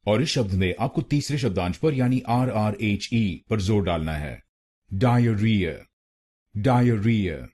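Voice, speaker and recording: A man from India teaching pronunciation in a slow, careful scripted tutorial, repeating each syllable. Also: fairly low pitch, expressive, a little mellow.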